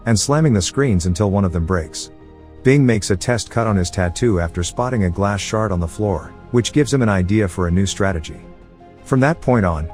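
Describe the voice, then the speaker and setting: A man narrating a movie recap in an even, measured storytelling voice. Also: deep voice. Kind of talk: scripted narration.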